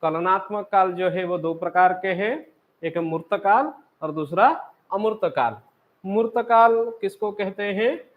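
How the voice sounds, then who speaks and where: Guy teaching, asks his own questions then answers them, kinda slow. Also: high voice, phone-quality sound. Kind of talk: classroom lecture.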